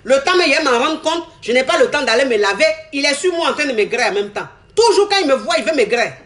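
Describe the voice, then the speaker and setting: A young woman telling her own love story candidly. She talks in an animated way, repeats her lines and acts out what others said. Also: high voice, fast. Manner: animated, repeats herself, acts out quoted talk. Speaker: woman giving a testimony.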